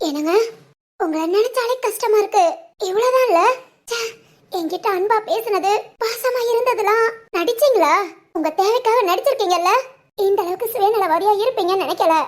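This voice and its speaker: A woman's voice: very high voice, normal speed. A woman voicing a wronged young wife in a family cartoon, pleading and wounded. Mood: hurt. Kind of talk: cartoon voice acting.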